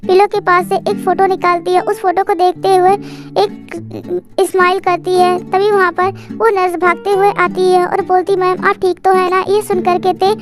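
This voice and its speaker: Very high, flat-voiced woman storyteller. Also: normal speed. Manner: simple, steady storytelling in Hindi with English words. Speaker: storyteller, channel host. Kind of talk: narrated fan love story. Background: children's music.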